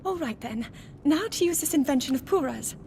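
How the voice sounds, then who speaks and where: A woman playing a young princess scholar in a video game, gentle, earnest and curious, speaking softly and precisely. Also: high-pitched, lively intonation, brisk, creaky, slight background noise. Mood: curious, composed. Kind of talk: video game cutscene voice acting. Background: music.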